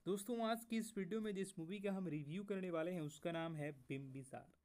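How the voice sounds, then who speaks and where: A man hosting a movie review video, talking casually to viewers as friends and pausing now and then with fillers. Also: high voice, darkish tone. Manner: keeps addressing viewers as friends, halting with fillers. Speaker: movie review channel host.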